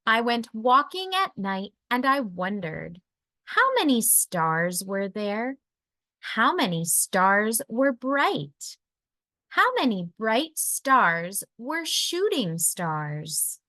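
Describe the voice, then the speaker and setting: Speaking at a fairly high pitch with no echo, a woman reads aloud from a picture book for children. Her storytelling is deliberate and expressive, aimed at young listeners.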